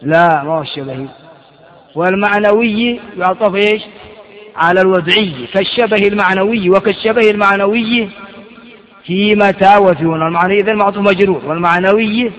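A man's voice: high voice, brisk, fairly bright tone. A man teaching an Arabic grammar class, quizzing his students with questions and correcting their mistakes, often repeating phrases. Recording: dull lo-fi recording with long reverb.

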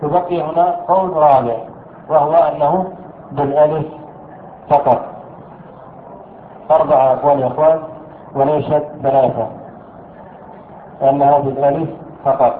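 A fairly high-voiced man leads a grammar lesson. He keeps asking his students questions and answering them himself, stressing each point by repeating it. The sound is thin and phone-like, with a roomy echo and faint noise behind. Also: fairly even intonation. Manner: repeats key words slowly for emphasis. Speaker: teacher of Arabic grammar. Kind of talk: classroom lesson explaining a text. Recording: echoey room over a thin phone-like line.

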